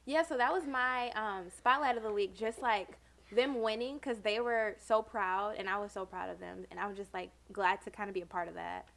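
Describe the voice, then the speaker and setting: A woman's voice: mid-range voice, normal speed, gravelly, a bit bright. A young adult woman co-hosting a podcast in casual chat, chatty and full of "like". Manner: chatty, says "like" often. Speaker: podcast co-host.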